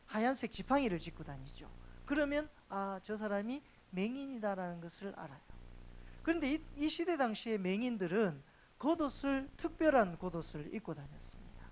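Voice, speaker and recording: A woman's voice: on the high side, sing-song, a little fast, dull audio, a little hiss or hum. A woman preaching a sermon in a conversational way, asking the congregation questions.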